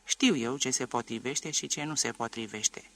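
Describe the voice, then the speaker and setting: A man's voice: medium pitch, fairly bright tone, close to an everyday voice. A man voicing a stubborn peasant man and former soldier, talking bluntly and insistently in an audiobook.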